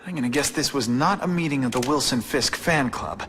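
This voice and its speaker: A man's voice: medium pitch, a little fast, natural voice. A young man with an American accent voicing a wisecracking superhero in a video game, breezy, wry and informal. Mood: conversational, wry. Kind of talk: video game voice acting, quippy monologue. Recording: clear background noise, game ambience.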